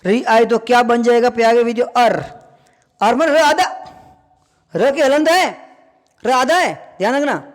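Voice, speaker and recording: High-voiced man teaching in a reverberant room. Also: unhurried, long pauses. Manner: repeats key points with quiz-like questions to students. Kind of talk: classroom grammar lesson. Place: classroom.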